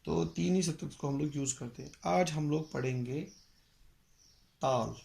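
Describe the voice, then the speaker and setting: A man teaching a music lesson, explaining slowly and patiently with pauses and mixing in English phrases. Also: a little high, creaky, darkish tone. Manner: mixes English phrases into Hindi. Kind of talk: spoken lecture.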